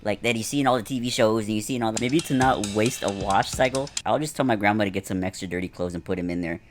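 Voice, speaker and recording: A man's voice: on the low side, fast talker. Tired young guy vlogging in the laundry room, kinda out of breath, rambles and trails off, music over it. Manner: chatty, self-mocking, trailing off mid-sentence. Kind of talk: casual vlog commentary. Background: background music.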